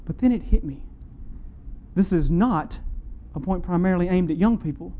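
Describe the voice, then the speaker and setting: A man's voice: high-pitched, warm tone, lo-fi sound. A pastor preaching a sermon, earnest and emphatic, speaking straight to his congregation. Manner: earnest preaching, emphatic rises and slow stressed phrases; addresses the congregation directly.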